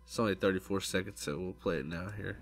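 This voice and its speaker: A man with a lowish voice hosts a casual motorsport chat. He rambles and restarts his sentences often as he talks. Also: fast talker, no room sound. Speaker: podcast host.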